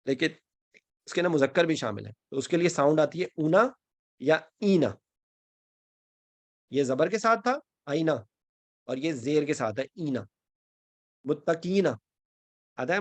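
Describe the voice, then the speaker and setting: In a dry recording, a man with a fairly high-pitched voice teaches Arabic grammar online; he is a teacher of the Quran and Arabic grammar. Speaking Urdu sprinkled with English phrases, he works through the material step by step and checks in with students as he goes.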